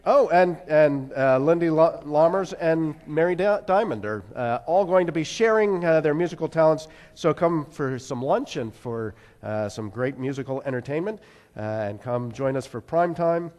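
A man giving halting church announcements with many pauses and fillers. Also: fairly high pitch, lively intonation, darkish tone. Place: church sanctuary. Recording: long church reverb.

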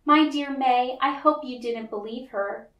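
Woman as warm, unhurried storybook mother. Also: sits high. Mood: reassuring. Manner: reassuring, emphatic. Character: warm, encouraging mother of a little girl. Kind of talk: children's storybook read-aloud. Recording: roomy, echoey, distant mic.

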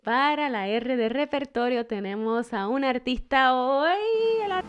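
Slow, high-voiced woman singing teacher over piano. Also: animated, smooth, muffled recording. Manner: counts in and demonstrates sung and spoken syllables. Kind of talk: guided vocal exercise lesson. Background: piano accompaniment.

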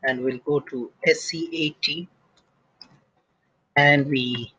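A man walking through software on a screen recording, talking casually and thinking aloud with plenty of restarts and fillers. His voice sits a little high for a man. The audio is dull and lo-fi. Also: steady tone, slow, slightly rough. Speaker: SAP instructor.

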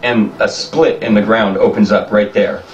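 A man running a tabletop game as game master, narrating haltingly with many fillers. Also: on the low side, fairly even intonation, muffled recording. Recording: echoey room, far from mic, faint music.

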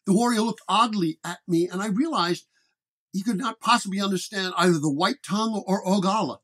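The narrator-performer, a man with a high-pitched, brisk and fairly bright voice, takes on the role of a tired, wounded detective of the 1930s. He recounts his case report dramatically in first person, sounding weary and reflective.

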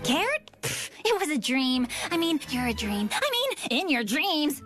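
Casting note: a rambling, panicky cartoon teen girl, very high and bouncy, music underneath. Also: sing-song, unhurried. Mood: flustered. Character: flustered clumsy teen girl heroine. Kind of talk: animated series dialogue.

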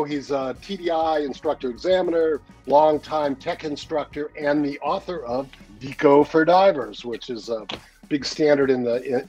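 A man's voice: a little high, darkish tone, dull audio. Older man, video call from home, rambling casual talk, lots of uh fillers, faint music behind. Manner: rambling, full of "uh" fillers, laughs easily. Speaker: newsletter editor, regular guest. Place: home study with bookshelves. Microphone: webcam on a video call.

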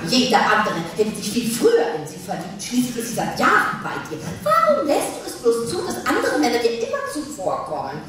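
A woman plays a sharp-tongued middle-aged wife in a live comic sketch, high-voiced and swinging up and down as she mocks and orders her husband about. The voice sounds echoey and distant, picked up across a theater stage. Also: huge pitch swings, fairly quick, hardly any pauses, a crowd in the background. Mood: mocking. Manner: dry, mocking, bossy, breaks into laughter. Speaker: actress in a staged reading. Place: theater stage before an audience.

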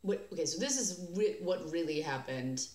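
A woman's voice: low-pitched, expressive, moderate pace, darkish tone. Sarcastic American woman, echoey room. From United States. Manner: sarcastic, chatty, with frequent fillers and restarts. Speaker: beer vlogger host. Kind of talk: casual commentary vlog.

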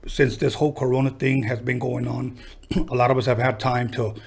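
A man's voice: mid-range voice, flat delivery, normal speed, breathy edge. Laid-back male podcast host in a small studio. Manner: easygoing, hyped introductions. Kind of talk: casual interview chat. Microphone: desk mic on a stand.

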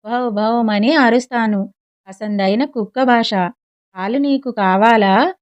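Friendly storybook puppy, played by a woman, sing-song questions, smooth voice, a bit high, muffled sound. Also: takes it slowly. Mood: kindly. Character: friendly young puppy, curious.

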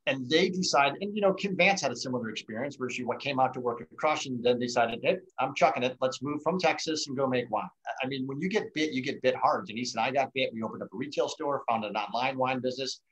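A middle-aged American man hosts a virtual wine tasting, chatting casually over a video call. His mid-range voice has a fairly bright tone, and he talks fast with few pauses. The audio from his video call mic is poor.

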